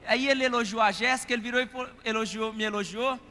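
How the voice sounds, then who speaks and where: A Brazilian man preaches with a very high, bright, ringing voice. He tells a story in an animated way, calling his listeners "querido" and asking for amens. The sound rings out through a reverberant church hall over faint music. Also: fast talker. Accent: Brazilian Portuguese. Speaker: pastor. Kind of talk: storytelling sermon.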